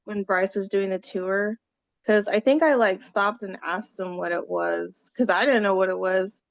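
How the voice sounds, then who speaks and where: A woman helps host a laid-back online gathering, rambling and reaching for words over video call. She talks at a measured pace in a mid-range voice with vocal fry, and there is no room sound.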